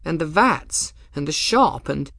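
A man's voice: on the high side, lively intonation, measured pace, gravelly, pushed and bright, dry recording, clean studio sound, voice pushed up, heavily acted. A man voicing an anxious, stubborn young woman in an audiobook, with a pleading, flustered way of protesting. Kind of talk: audiobook character voice.

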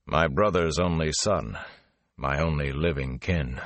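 A man voicing a weary older wandering storyteller in an audiobook, speaking low and level. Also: a little slow, dry recording. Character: weary older male gleeman, gruff and dry.

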